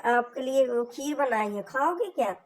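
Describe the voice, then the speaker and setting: A woman's voice: high voice, expressive, normal speed, poor audio. A woman voicing a meek, dutiful young daughter-in-law who speaks politely and apologetically in a homemade family drama skit. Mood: apologetic.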